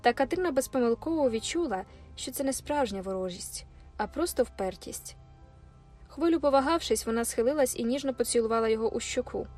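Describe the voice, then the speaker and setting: A woman with a high voice narrates a novel in the first person, her delivery expressive and measured. Faint music plays softly behind her audiobook reading.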